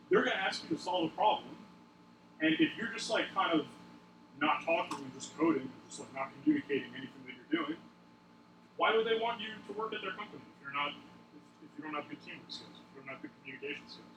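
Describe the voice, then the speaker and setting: A man's voice: a little high, animated, quick pace. A man with a Long Island accent teaching a class informally, conversational and often checking in with short questions. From Long Island, New York. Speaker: coding instructor. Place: classroom, addressing a group. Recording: noisy echoey room, distant mic.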